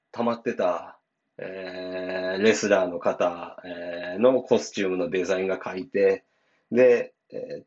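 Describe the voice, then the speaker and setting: A man with a Kansai accent chats alone on his podcast in a lowish voice that still sounds half awake. He rambles, apologizes and chuckles, and the recording comes through slightly muffled. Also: a little mellow. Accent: Kansai Japanese. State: voice not fully awake, low and subdued. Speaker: podcast host and shop owner. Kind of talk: casual solo podcast chat.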